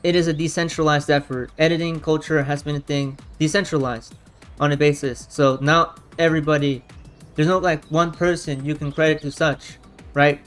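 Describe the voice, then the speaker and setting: Blunt, higher-voiced man commentating. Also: flat delivery, moderate pace, a bit bright, faint music behind. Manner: argumentative, blunt, rambling. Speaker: reaction commentator. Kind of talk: unscripted opinion commentary.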